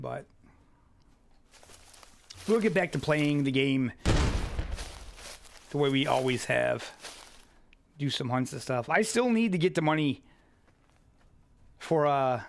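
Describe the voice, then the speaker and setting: A man's voice: mid-range voice, creaky. A young man casually commenting on his own live gameplay, muttering asides as he plays. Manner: laid-back, muttering asides. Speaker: streamer.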